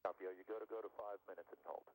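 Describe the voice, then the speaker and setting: A man's voice: deep voice, steady tone, racing, a little mellow. A man running a procedural status check over crackly space-mission radio, in clipped, businesslike call-outs. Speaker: launch test director. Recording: crackly narrow radio link.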